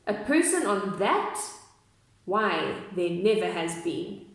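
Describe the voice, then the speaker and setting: A woman's voice: mid-range voice, big pitch swings, slow pace, a little hiss or hum. Woman doing a sour scoffing kangaroo. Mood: scornful. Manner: scornful, dismissive. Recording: very echoey room.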